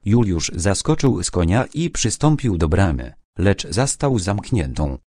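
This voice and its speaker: Deep-voiced male audiobook narrator. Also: sing-song, unhurried, darkish tone, dry recording, clean studio sound. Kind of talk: scripted narration.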